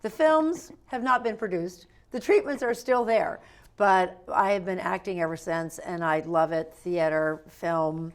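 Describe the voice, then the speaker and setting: A woman guest in an interview, chatting in a playful, animated storytelling way. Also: lowish voice, a little slow. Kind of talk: lively interview chat.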